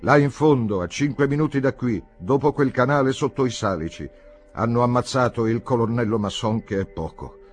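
A man reading aloud voices a gruff cavalry soldier who scoffs and haggles in a scornful tone. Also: medium pitch, moderate pace, faint music behind, pitched above the performer's own voice, lightly acted. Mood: scoffing.

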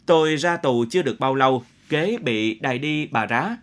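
A man's voice: mid-range voice, lively intonation, moderate pace, fairly bright tone, natural voice. A man voicing an earnest, restrained young revolutionary leader in a read story.

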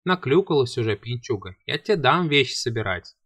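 A man reading an audiobook, voicing a gruff, mocking male god of lies who grumbles and scolds. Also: medium pitch, big pitch swings, fairly quick, fairly bright tone, dry recording, studio quality. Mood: scolding.

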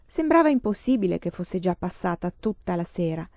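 A woman reading a children's novel aloud, with calm, even narration. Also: on the low side, a little fast, dry recording. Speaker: reader. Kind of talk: storybook reading. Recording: dull dry lo-fi sound.

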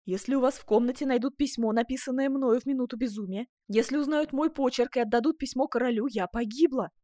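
A woman's voice: medium pitch, moderate pace, a little mellow, no room sound, natural voice. A woman voicing a passionate noble duchess with a melodious, pleading voice, in a dry close recording. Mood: alarmed.

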